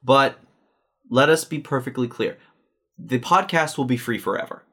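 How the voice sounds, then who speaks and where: Guy cohosting a podcast from his house, halting, lots of uh and restarts, dry sarcasm. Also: medium pitch, a bit bright, breathy edge. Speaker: podcast co-host. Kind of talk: casual chat.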